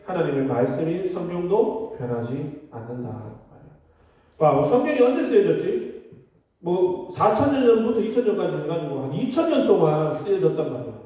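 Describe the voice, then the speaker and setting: A man's voice: high-pitched, mellow. A man who is a youth pastor, giving a casual, chatty sermon and teasing the children with direct questions. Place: church hall. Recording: distant, echoey, dull hall recording.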